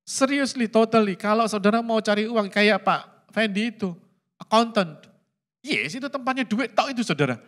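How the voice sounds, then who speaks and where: A middle-aged man delivers a sermon. His voice sits high and swings widely, and he mixes in English phrases and chuckles at his own jokes. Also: animated, normal speed, fairly bright tone. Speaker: pastor.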